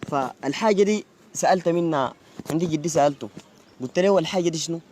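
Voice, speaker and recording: A man playing a smooth-talking Sudanese student. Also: a little high, fast, a little mellow, close to an everyday voice. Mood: charming. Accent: Sudanese Arabic. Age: young adult. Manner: chatty, keeps saying "you know?". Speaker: university student.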